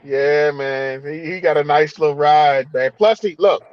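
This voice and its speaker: A man's voice: a little high, measured pace, darkish tone, no room sound, dull audio. A man hosting a casual car chat, laid-back and drawn out, repeating his phrases. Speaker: host.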